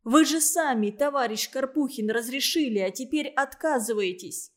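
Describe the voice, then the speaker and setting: An indignant young man, quick to flare up and defiant under accusation, as a woman reads him. The tone is fairly high, sharpened by anger. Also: lightly acted. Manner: flaring, defiant.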